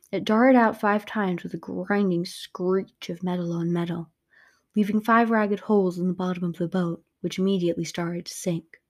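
A woman narrating a first-person adventure audiobook in a lively, expressive way. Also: mid-range voice.

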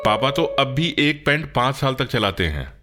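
A man voicing a thrifty middle-aged mother who scolds and then softens, over loud guitar music. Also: mid-range voice, very animated, moderate pace, voice pushed up, lightly acted. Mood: scolding. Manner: sharp, scolding, then softly affectionate.

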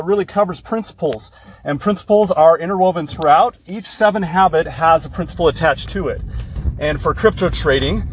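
A man's voice: on the high side, slight background noise, rough recording. A man, a bit out of breath, giving an informal livestream lesson as a course instructor, explaining casually and correcting himself as he goes.

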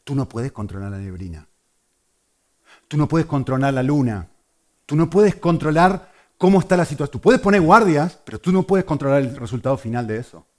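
A man from Argentina with an Argentine Spanish accent, preaching a sermon in an animated way and asking his listeners questions. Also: medium pitch, brisk. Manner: animated, asks the audience questions.

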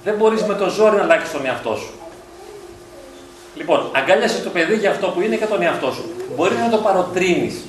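A man's voice: high-pitched, animated, far from the mic. Man lecturing in an echoey hall. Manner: reflective, asks rhetorical questions. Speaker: psychologist. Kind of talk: lecture at a parent event. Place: school hall. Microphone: distant from the mic.

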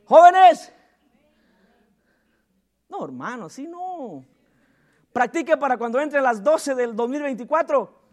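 A man with a strikingly high voice preaches in a church service. He keeps calling on the congregation to say phrases back to him and breaks into chuckles between points. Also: very animated, moderate pace. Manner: calls on the congregation to repeat after him and respond; chuckles often and jokes with listeners. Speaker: pastor. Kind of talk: lively church sermon.

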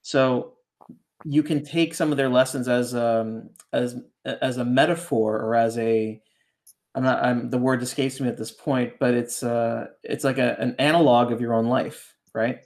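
Reflective rambling man in mid pitch. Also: steady tone, a little slow, a little mellow. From Canada. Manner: reflective, rambling, keeps asking "right?". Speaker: ghostwriter guest. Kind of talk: casual podcast conversation.

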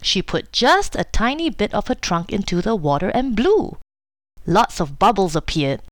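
Expressive woman reading a children's story. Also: mid-range voice, measured pace, no echo.

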